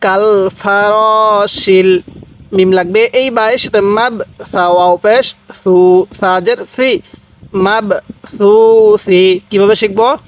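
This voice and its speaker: A man with a Bangladeshi Bengali accent teaching Quran pronunciation, slowly spelling out and repeating each syllable for learners. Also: high-pitched, steady tone. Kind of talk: slow step-by-step pronunciation lesson.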